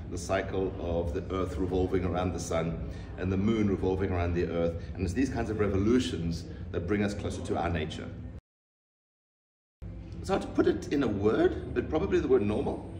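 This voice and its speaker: A man in his fifties from South Africa, an artist answering interview questions in a measured, reflective way with pauses and restarts. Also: low voice. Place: room with bookshelves, seated in leather armchair. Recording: roomy, distant mic, audible background noise.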